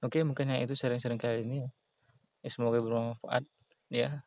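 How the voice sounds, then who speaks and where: A man's voice: medium pitch, level tone, fairly quick, a little mellow, low-quality recording. A man giving casual, earnest advice on a small business, repeating his points and chuckling at himself, recorded outdoors in a plantation. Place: outdoors in a palm and banana plantation.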